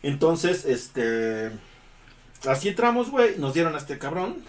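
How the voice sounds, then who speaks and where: A man's voice: on the high side, sing-song, a little slow. A young man with a Mexican accent, host of a casual podcast, telling stories in a laid-back, slangy way. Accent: Mexican Spanish. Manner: laid-back storytelling, slangy, laughs often. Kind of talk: casual chat. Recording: slightly distant mic with faint background noise.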